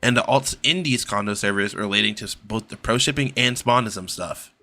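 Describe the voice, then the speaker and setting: Low-voiced young man, somber scripted apology. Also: sharp tone. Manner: serious, measured, stumbles over read words. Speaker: online content creator.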